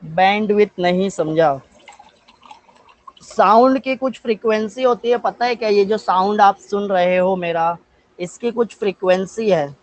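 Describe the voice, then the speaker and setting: Speaking in a high pitch with an Indian accent, a man from India teaches a live online physics class. He answers the questions he asks, dictates English definitions slowly, and calls on students by name. The audio quality is poor.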